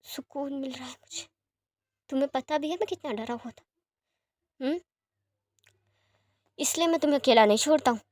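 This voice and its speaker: A woman's voice: sits high, darkish tone, lightly acted. A woman voicing a doting, teasing young man who speaks fondly and reassuringly, in a fan-fiction story reading. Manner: fond and reassuring, sometimes quick.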